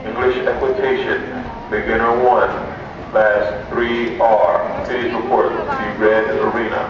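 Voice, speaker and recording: A man's voice: mid-range voice, noisy background. Man announcing over an echoey PA. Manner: flat, measured announcing. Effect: over a PA system. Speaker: horse show announcer. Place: outdoor horse show grounds. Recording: distant echoey PA, lo-fi camera audio.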